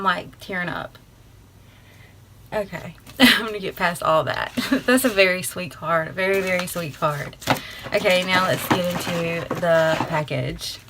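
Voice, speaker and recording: A woman, gushing and excitable as she unboxes mail in a casual vlog, filmed on a tripod camera, first on her porch and then indoors. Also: on the low side, a little hiss or hum, poor audio. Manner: gushing, excitable, many fillers. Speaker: beauty vlogger.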